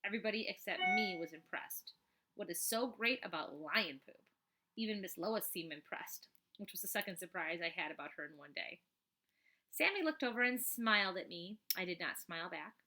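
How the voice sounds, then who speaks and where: A woman reading a children's book aloud like a teacher, expressively, with chatty asides in an animated, emphatic manner. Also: fairly low pitch, moderate pace.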